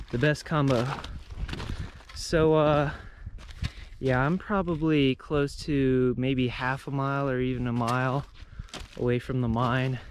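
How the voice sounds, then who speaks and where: A young man, an outdoor explorer and vlogger, hikes a mountain slope and talks casually to the camera, explaining what he finds along the way. His voice is mid-range with a clean tone.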